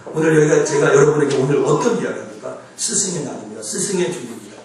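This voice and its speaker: A male pastor preaching a sermon in a church sanctuary, conversational and animated, often asking the congregation questions, recorded from far off in an echoey hall. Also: a little high, fast, crowd noise.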